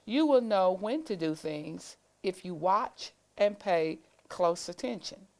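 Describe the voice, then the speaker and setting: A woman's voice: lowish voice, animated, takes it slowly, a little mellow. A woman voicing a playful, fun-loving monkey giving advice in a children's storybook. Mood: advising.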